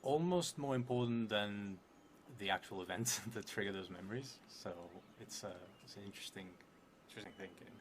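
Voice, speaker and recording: In an indoor streaming setup at a theatre venue, a man in his thirties narrates a solo tabletop role-playing game, reading prompts aloud and musing to himself. His lowish voice moves fairly quickly over a noisy background.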